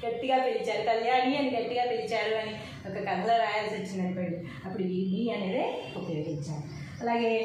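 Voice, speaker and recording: A woman teaching a lesson, reciting syllables slowly and explaining how to write them. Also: on the high side, darkish tone. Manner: slow, drawn-out recitation of syllables. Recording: echoey room, faint noise.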